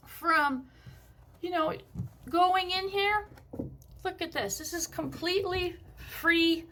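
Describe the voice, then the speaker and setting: A woman with a shrill, high-pitched voice giving a casual hands-on explanation in a home bathroom, with sweary, exasperated asides. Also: a bit bright.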